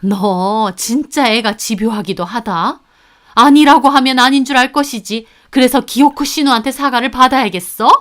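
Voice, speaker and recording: A woman's voice: fairly high pitch, moderate pace, close to an everyday voice. A woman voicing a scolding middle-aged mother-in-law. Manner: sharp, scolding, defends her daughter. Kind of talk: narrated story with acted dialogue.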